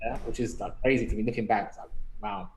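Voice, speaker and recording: A young man from London, with a lowish voice and fairly even intonation, speaks at a quick pace in a casual, reflective podcast chat. He thinks aloud and asks himself questions. The recording has a roomy echo.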